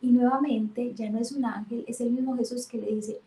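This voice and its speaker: Woman teaching with lively storytelling. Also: on the high side, moderate pace, reverberant. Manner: warm, animated storytelling with emphatic retellings.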